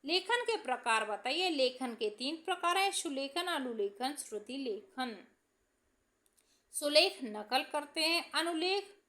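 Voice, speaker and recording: A young woman teacher reading out exam questions and answering each one, slowing down to list examples. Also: high voice, a bit bright. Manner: reads each question, then answers it slowly, listing examples.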